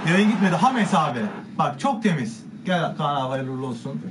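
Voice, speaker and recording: A young man streaming a video game, opening card packs and shouting with excitement at each pull. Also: a little high, brisk, background noise. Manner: excitable, shouts and cheers at good pulls. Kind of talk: live game stream commentary. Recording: loud music under the voice.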